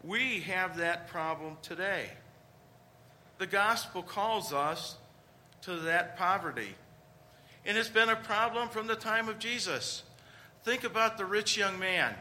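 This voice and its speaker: Man preaching a homily, bright voice. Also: sits high, a little hiss or hum. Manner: conversational preaching with rhetorical questions.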